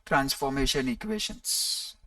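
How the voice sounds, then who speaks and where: Maths lecturer, mid-pitched, measured and slow, short phrases with pauses, recorded at a distance from the microphone. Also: lively intonation, gravelly, sharp tone. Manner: deliberate, pausing between short phrases. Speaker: maths teacher. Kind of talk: lecture explaining coordinate geometry step by step.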